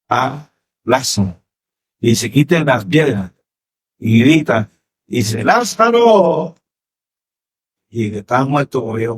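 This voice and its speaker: Male pastor, Colombian accent, mid-pitched, theatrical sermon delivery with sudden loud peaks and rhetorical tag questions. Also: husky. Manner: animated preaching, dramatic swings in pitch and loudness. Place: church.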